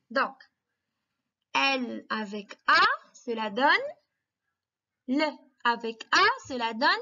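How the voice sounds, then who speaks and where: A high, bright-voiced woman teaching young children, speaking very slowly and patiently as she walks them through each step with encouragement. The recording sounds a little dull and lo-fi. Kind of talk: slow, clear classroom instruction for young children.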